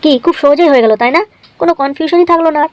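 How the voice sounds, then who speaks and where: A woman teaching English spelling in a scripted video lesson, explaining briskly and often checking in with the viewer. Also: high voice, a little mellow, no room sound.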